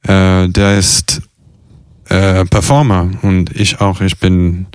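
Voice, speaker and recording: A young man speaks in a low, smooth, resonant voice at a very unhurried pace. He hesitates a lot, filling gaps and restarting sentences. The sound is close and dry. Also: little pitch movement, dry recording. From half Italian. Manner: slow, hesitant, many fillers and restarts. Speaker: interviewee, circus artist and carer. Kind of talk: casual personal interview.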